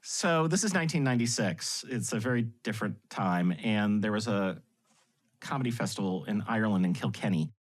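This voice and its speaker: Lower-voiced man telling stories. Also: a little fast. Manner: animated storyteller with frequent laughs. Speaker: guest. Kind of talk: anecdotal storytelling in conversation.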